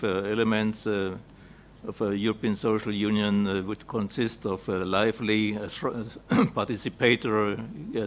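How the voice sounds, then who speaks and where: A man with a German accent speaking haltingly at a conference round table, with many filled pauses and repeated words. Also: fairly low pitch. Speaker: panel speaker. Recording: noisy live conference room recording.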